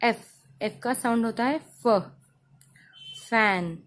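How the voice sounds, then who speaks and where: A woman with an Indian accent teaching letter sounds for children, saying each sound slowly and repeating it. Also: fairly high pitch. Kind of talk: phonics lesson for children.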